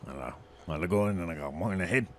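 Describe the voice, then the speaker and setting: A man's voice: deep voice, fast, slight background noise, voice pushed down, lightly acted. A man voicing a rambling, balding town drunk in a slurred drunkard's voice for a tabletop game. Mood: drunken rambling. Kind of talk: tabletop role-play.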